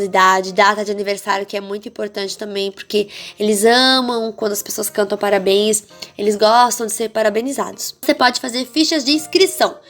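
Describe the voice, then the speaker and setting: Expressive Brazilian woman teaching a course. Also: mid-range voice. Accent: Brazilian Portuguese. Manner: expressive, addresses the viewer directly with frequent "tá?" and "né?"; demonstrates varied, theatrical intonation. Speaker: children's ministry teacher. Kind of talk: online course lesson.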